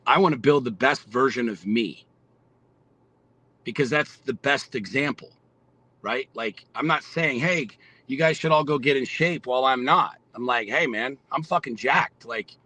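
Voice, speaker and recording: A man's voice: mid-range voice, normal speed, pushed and bright, low-quality recording. A man in his forties, a podcast guest, talking bluntly and with lots of profanity in a fired-up, motivational way. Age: 40s. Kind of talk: casual podcast conversation.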